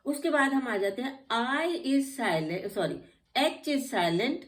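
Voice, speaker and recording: A woman's voice: fairly high pitch, expressive, slow. A woman teaching English spelling rules, patiently spelling out each word letter by letter. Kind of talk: spelling lesson explained in Hindi.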